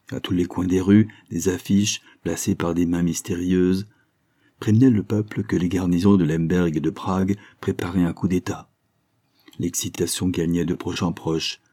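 A man narrating a novel in a steady, measured reading voice. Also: sits low. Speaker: audiobook narrator.

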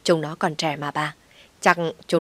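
A woman's voice: low-pitched, steady tone, a little slow, no room sound. A woman reading a story aloud, voicing a polite, humble older village aunt. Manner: polite, forced cheer.

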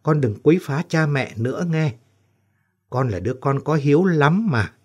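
A man's voice: fairly high pitch, expressive, normal speed, darkish tone, slightly rough. A man voicing an older mother who speaks tenderly and pleads in a trembling voice, in an audio story.

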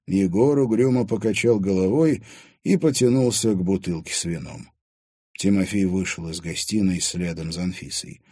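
A man narrating an audiobook in an expressive storytelling manner. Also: deep voice, normal speed, breathy edge.

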